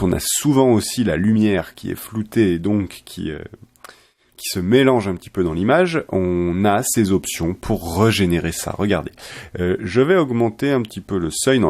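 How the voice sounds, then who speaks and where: A man explaining software step by step in a chatty, self-correcting tutorial style. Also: fairly low pitch, breathy edge. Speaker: software trainer. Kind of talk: screen-recorded software tutorial.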